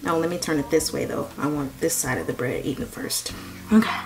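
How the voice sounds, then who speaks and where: A woman's voice: low-pitched, a little fast. A woman hosting a casual home cooking vlog, chatty and enthusiastic, talking straight to her viewers from her kitchen. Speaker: cooking vlogger.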